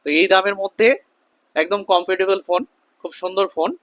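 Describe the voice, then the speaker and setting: Fast-talking salesman, higher-pitched voice. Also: little pitch movement, fairly bright tone, dry recording. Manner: repetitive, emphatic promotional delivery. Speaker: shopkeeper presenting a promotional video. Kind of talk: sales pitch to camera with customer chat.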